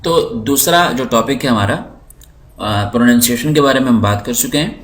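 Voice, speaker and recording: A man with a mid-pitched voice gives a patient, unhurried lesson. He explains step by step as he clicks through his screen and repeats words so that learners can follow. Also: a little hiss or hum. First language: Urdu. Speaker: English teacher.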